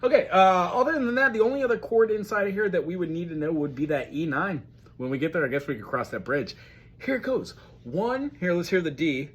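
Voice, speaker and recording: A man gives a casual ukulele lesson, chatting in a friendly way as he talks through chords and sings along. His fairly high voice comes through dull audio, with his own ukulele playing recorded loudly beneath it.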